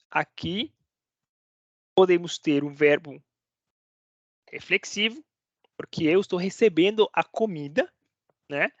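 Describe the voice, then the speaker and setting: A man's voice: sits high, no echo. A man teaching a casual online Spanish lesson, chatting and checking in with his viewers often. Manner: chatty, keeps checking in with listeners. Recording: dry, slightly dull recording.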